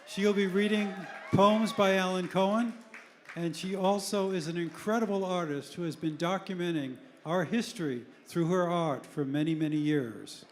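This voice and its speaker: A man's voice: high-pitched, moderate pace. A man hosting a live event, announcing the next speakers from the stage. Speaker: event host introducing speakers.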